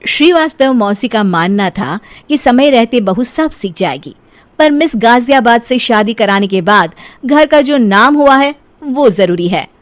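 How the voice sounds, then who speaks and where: A woman's voice: on the high side, lively intonation, a little slow. A woman narrating a scripted comic cartoon story as its storyteller.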